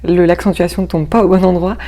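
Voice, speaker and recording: A woman's voice: on the low side, fairly even intonation, a little fast, dark tone. A woman actress and stage director talking in a casual interview, searching for her words with frequent restarts.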